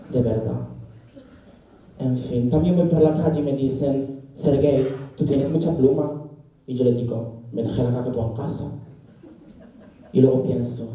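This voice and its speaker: A man playing a deadpan Siberian birdwatcher. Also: mid-range voice, natural voice. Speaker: stand-up comedian. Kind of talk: character stand-up monologue. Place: stage in a theater. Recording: echoey hall mic from far off.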